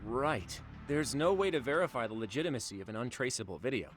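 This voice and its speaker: An actor playing a blunt, eager sidekick detective in a game dub. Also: male voice, medium pitch, animated, fast talker, a little hiss or hum, close to an everyday voice.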